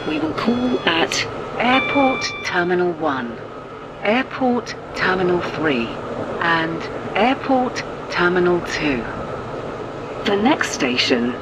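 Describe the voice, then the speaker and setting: A woman giving an onboard train announcement, calling out each station in measured, evenly spaced phrases. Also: very animated, lo-fi sound. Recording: loud train rumble behind.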